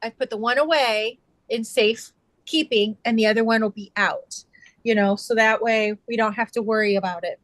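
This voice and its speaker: A woman's voice: fairly high pitch, normal speed, fairly bright tone, no echo, low-quality recording. A middle-aged woman chatting casually on a video call, telling rambling stories full of fillers and restarts. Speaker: quilter sharing her sewing. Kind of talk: casual chat.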